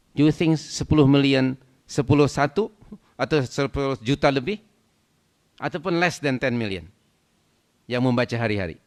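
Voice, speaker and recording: A man, a religious teacher, giving a lecture to a congregation, asking rhetorical questions and swelling to loud emphatic points, with English words mixed in. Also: mid-range voice.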